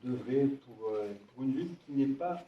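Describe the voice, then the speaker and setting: Jovial but hesitant, this man takes the role of mayor at a town gathering, repeating words as he presents local volunteers. His medium-pitched voice is expressive and moderately paced. A little hiss or hum, distance from the mic and an echoey room make the audio dull.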